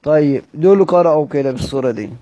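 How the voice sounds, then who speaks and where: A man's voice: on the high side, expressive, fast talker, mellow, no echo, muffled recording. A man with an Egyptian accent teaching a lesson on Quranic readings, who asks his listeners questions, repeats them, and then answers them himself. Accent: Egyptian Arabic. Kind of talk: explanatory lesson.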